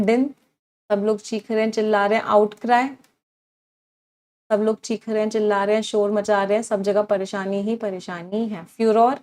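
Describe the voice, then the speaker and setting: In a medium-pitched, slightly mellow voice, a woman runs an online English vocabulary class, drilling words aloud through repeated cues and quizzing her students.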